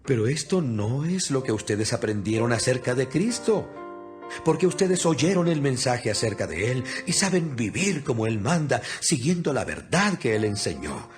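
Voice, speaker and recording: With music playing behind him, a man with a mid-range voice reads scripture at a moderate pace as an audio Bible narrator. His dramatized reading is very animated, earnest and instructive.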